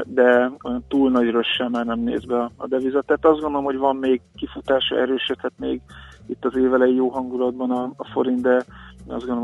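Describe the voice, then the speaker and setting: A man's voice: medium pitch, creaky. A man giving market commentary on the radio in a hesitant, explanatory way, with many filler sounds. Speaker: financial analyst guest. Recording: phone-like radio line with faint music.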